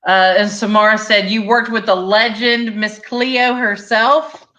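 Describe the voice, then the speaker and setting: A woman's voice: medium pitch, level tone, measured pace, pushed and bright. A woman hosting a live stream, reading viewer comments aloud and chatting agreeably. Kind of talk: casual live-stream chat.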